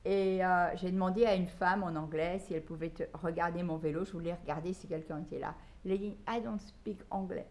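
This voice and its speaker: An older woman with a Belgian French accent tells her stories in a lively, chatty way. Her voice sits a little low for a woman. She talks easily, often stops and restarts, and keeps going. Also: quick pace, few pauses. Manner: chatty storyteller, animated, with frequent restarts. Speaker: guest. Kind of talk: casual conversational interview.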